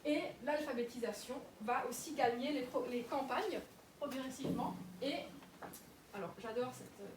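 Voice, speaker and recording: A young woman gives a public lecture with a fairly high voice, pausing often on fillers and restarting her sentences. She sounds far from the mic in an echoey room. Steady noise runs under her voice. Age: young adult. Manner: hesitant, many fillers and restarts.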